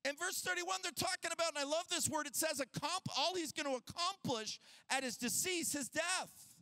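High, bright-voiced preacher man. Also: moderate pace, dry recording. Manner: energetic, casual and joking, with slang. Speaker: pastor. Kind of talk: sermon. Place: conference stage before a crowd.

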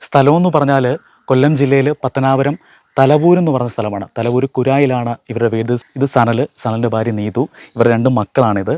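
A man reports an earnest charity appeal at an ordinary middle pitch. He talks plainly and sincerely, pausing and restarting now and then as he searches for words. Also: fairly even intonation, darkish tone, dry recording. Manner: earnest, with small hesitations. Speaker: news reporter.

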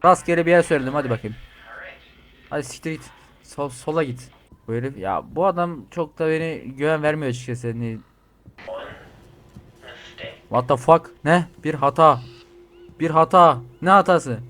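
Brief: male streamer, slightly high voice, crude and excitable, given to yelling when startled. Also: brisk, a little hiss or hum. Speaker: gaming streamer. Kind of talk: swearing playthrough commentary.

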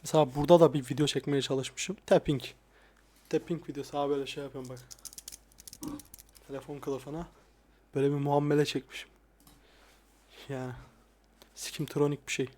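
A young man talking casually and softly, often swearing, as he looks back at his old videos. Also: level tone, fairly quick, pauses often. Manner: crude, frequent swearing; soft-spoken, dropping voice low at times. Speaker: ASMR YouTuber. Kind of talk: casual soft-spoken vlog. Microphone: lapel mic.

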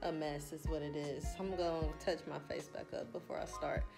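A woman's voice: deep voice, flat delivery, moderate pace. A young woman, chatting casually and rambling in a self-deprecating, slangy way while driving, a little out of breath. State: slightly out of breath. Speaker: vlogger. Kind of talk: casual driving vlog chat. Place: in a car. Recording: clear background music.

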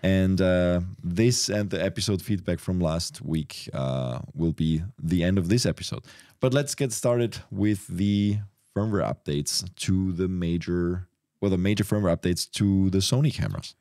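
Guy hosting a podcast with a cold, lowish voice, dry sound, kinda rambly. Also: a little slow, no room sound. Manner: relaxed, rambling, restarts often. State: has a cold. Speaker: podcast host. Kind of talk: casual podcast chat.

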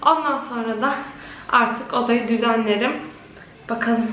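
Casting note: young woman, home vlogger, tired but chatty, voice bouncing around a bare unfurnished room, slightly high pitch. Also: a little slow, a bit bright, far from the mic, dull audio. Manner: chatty, talking straight to her viewers. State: worn out from a long day of work. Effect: echo of a bare, empty room with no furniture. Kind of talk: casual chatty vlog while renovating. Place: indoors, a small freshly painted empty room at home. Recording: echoey empty room with faint ambient noise.

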